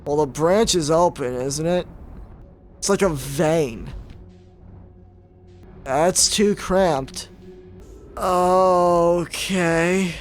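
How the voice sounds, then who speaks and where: A young man talks his way through a game in casual commentary, joking as he plays. His voice sits slightly higher than most men's. He chats to himself with quick asides. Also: soft background music. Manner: joking, self-talk. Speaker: gaming YouTuber.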